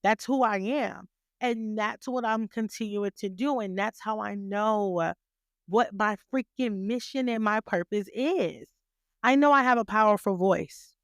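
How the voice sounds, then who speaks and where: A woman podcast host delivers a motivational talk packed with rhetorical questions and repeated phrases, in a voice she describes as graceful yet stern. She speaks at a measured pace with a medium pitch and a clear, resonant tone. The sound is dry, clean studio audio.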